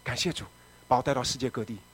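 A middle-aged man, a pastor giving a testimony sermon, telling his story dramatically and moving between loud shouting and quiet, low speech. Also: very fast, husky.

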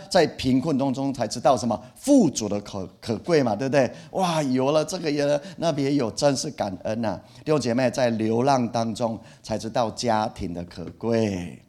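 A middle-aged man preaching a sermon, animated, repeating key phrases and acting out feelings with exclamations. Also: mid-range voice. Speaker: pastor.

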